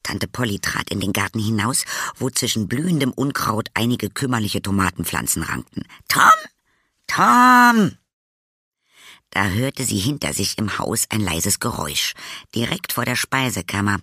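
A man narrating a children's storybook in a lively, expressive way. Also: on the low side, normal speed, slightly rough, dry recording, clean studio sound.

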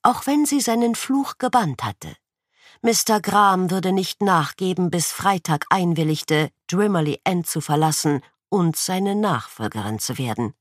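A woman in her sixties narrating an audiobook in an expressive storytelling manner. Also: lowish voice, unhurried, no room sound, clean studio sound. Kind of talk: scripted narration.

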